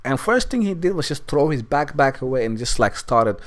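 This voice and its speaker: A man's voice: medium pitch, big pitch swings, brisk. Young man, let's play commentary, rambling, cursing, candid storytelling, mid-range voice.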